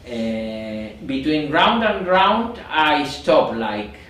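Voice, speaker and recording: Slow-speaking male meditation teacher in an echoey room. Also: medium pitch, big pitch swings, fairly bright tone. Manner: slow, repetitive, searching for words. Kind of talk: guided meditation instruction. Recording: echoey room, mic far off.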